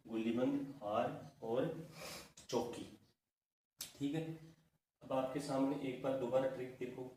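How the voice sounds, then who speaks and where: A man teaches an exam-prep lesson, running through long lists and quizzing himself as he goes. His voice sits at an ordinary pitch. He is recorded from a distance in a very echoey room with a faint hiss underneath. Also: a little mellow. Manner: drilling lists, asking and answering his own questions.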